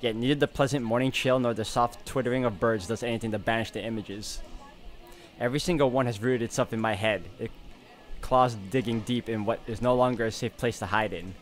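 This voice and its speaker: This man's medium-pitched voice is steady and a little fast. Hosting a let's play video, he alternates gaming commentary with dramatically reading the visual novel's narration aloud, and he reacts openly.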